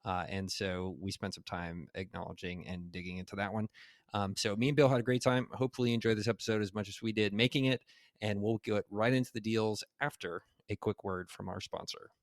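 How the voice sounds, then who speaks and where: Low-voiced man, casual podcast host. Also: brisk, no room sound, studio quality. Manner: relaxed, rambling with many fillers.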